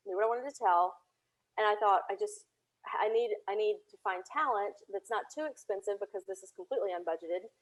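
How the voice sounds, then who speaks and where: A Tennessee woman who creates audio dramas appears as an interview guest, sharing chatty, animated anecdotes full of laughter and reenacted dialogue. Her pitch is medium, and the recording quality is low.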